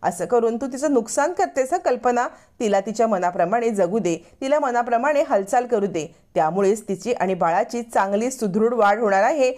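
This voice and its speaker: A woman's voice: a little high, animated, normal speed, few pauses, darkish tone, close to an everyday voice. A woman voicing an elderly, stern and wise family matriarch who lectures firmly. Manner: firm, lecturing.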